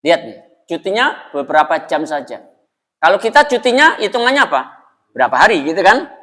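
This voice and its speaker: A man's voice: fairly high pitch, big pitch swings, a little fast, bright, forceful tone, in a large hall. A man preaching in a prayer room, talking conversationally, asking the congregation questions and laughing often. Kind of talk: mosque sermon.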